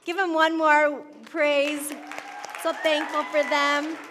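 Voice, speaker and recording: A woman pastor with a high, bright voice speaks to her congregation in a chatty, upbeat way and breaks into bursts of praise. Her voice echoes through the big church hall she is standing in. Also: level tone, slow pace, a crowd in the background, background noise. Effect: echoey sound from a big church hall. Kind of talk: church announcements and sermon. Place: church sanctuary, in front of a congregation.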